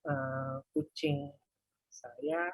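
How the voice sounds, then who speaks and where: Slow husky instructor muttering through live coding, dry close sound. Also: medium pitch, fairly even intonation, dry recording. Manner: thinks aloud while typing, soft muttered asides; casual, light laughs at own mistakes. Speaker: workshop instructor.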